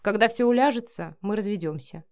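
A woman's voice: medium pitch, a little fast, darkish tone, close to an everyday voice. Woman reading a harsh, scornful young guy, bossy and cold, story voice. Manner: curt, commanding, sneering. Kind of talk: audiobook character reading.

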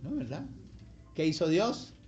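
A male pastor preaching an animated sermon, leading the congregation to repeat after him and often asking short questions. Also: unhurried, muffled recording. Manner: animated, swings from loud emphatic calls to low quiet asides; leads the congregation in call-and-repeat.

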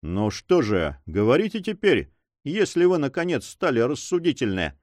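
A man's voice: mid-range voice, sing-song, darkish tone, no room sound, natural voice. A man reading as an icy pirate chief. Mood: mocking. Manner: icy, mocking and unhurried. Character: cold, ruthless male pirate leader.

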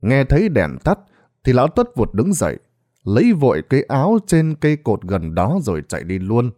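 A man narrates a ghost story with dramatic delivery. His pitch swings widely across lines. His voice sits in a middle register. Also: huge pitch swings, normal speed, warm tone. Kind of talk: scripted narration.

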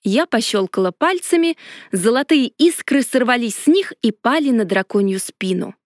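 A woman giving a lively, expressive first-person audiobook narration. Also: fairly high pitch, normal speed, no echo, studio quality.

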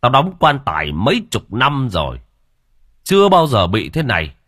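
A gruff old coffin maker who snaps and scolds, played by a male narrator. The voice rises above his usual low tone, loud and lively, with a husky grain. Close, dry audiobook sound. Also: moderate pace, no room sound. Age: older.

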